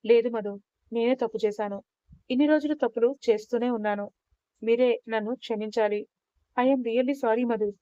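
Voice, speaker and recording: A woman's voice: on the high side, steady tone, moderate pace, warm tone, no echo, natural voice. A woman voicing a remorseful young woman who speaks earnestly and apologetically in a story reading. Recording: dull, dry lo-fi recording.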